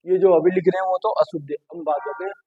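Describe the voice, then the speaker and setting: A man's voice: sits high, steady tone, fast talker, slightly rough, dry recording. A male teacher giving a grammar lesson, who keeps asking "what?" and then answers himself by repeating the word. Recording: dull dry lo-fi sound.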